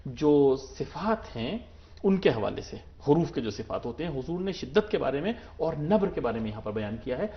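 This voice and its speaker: A man's voice: medium pitch, breathy edge, lo-fi sound. A man hosting a religious TV program, speaking politely and formally with frequent short affirmations. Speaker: TV program host.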